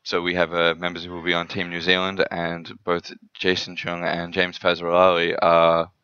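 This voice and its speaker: A man's voice: low-pitched, monotone, moderate pace, pushed and bright, clean tone, dry recording, dull audio. A man co-commentating a card game match in a casual, dry and sarcastic way.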